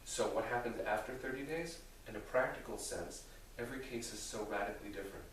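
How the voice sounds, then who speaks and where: A man speaking as a rabbi, answering theological questions in a deliberate, thoughtful way with careful qualifications. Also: fairly low pitch, fairly bright tone. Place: reverberant indoor room with an audience. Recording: very echoey room, distant mic, faint noise.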